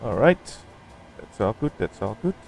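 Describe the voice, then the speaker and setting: A man's voice: lowish voice, big pitch swings, a little slow, gravelly, a little mellow, soft background music, poor audio. A man giving casual running commentary on a simulated flight, thinking aloud in short fragments.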